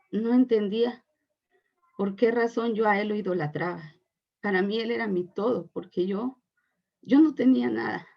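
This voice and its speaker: A woman's voice: mid-range voice, gravelly, highs cut off. A woman in her forties giving an earnest, emotional faith testimony to her church congregation. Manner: earnest and emotional, addressing listeners as brothers and sisters.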